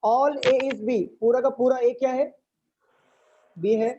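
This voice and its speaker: Warm, steady, and slow, this very high-voiced man teaches a live online reasoning lecture. He walks through problems stepwise, quizzes students often, and weaves English terms into Hindi. The recording from the stream is dull and lo-fi, with faint noise.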